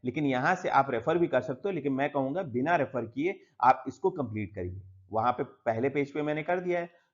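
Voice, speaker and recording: Man teaching a textbook lesson, mixing Hindi and English. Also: on the high side. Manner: explains step by step, often saying "yahan pe" and "theek hai"; mixes Hindi with English words. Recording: slightly dull lo-fi audio.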